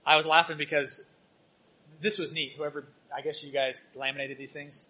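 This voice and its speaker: A male church teacher preaching a sermon, telling personal stories and swinging between loud exhortation and soft asides. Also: a little high, fairly even intonation, moderate pace, low-quality recording.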